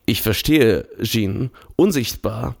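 A man voicing a pompous, credulous middle-aged general in an audiobook, speaking in a slow, self-important way. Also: medium pitch, animated, gravelly, a little mellow, husky, exaggerated voice. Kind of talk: audiobook character voice.

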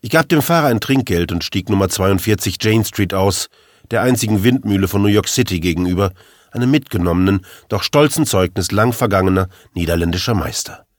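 A man's voice: sits low, expressive, a little fast, dry recording. A man narrating a first-person crime story as an audiobook in a dry, wry way.

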